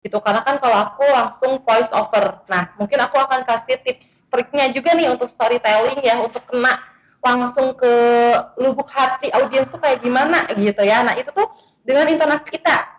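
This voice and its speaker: A woman speaking as the guest content creator in an online sharing session, chatty and animated, with many fillers. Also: high-pitched, brisk, roomy sound, poor audio.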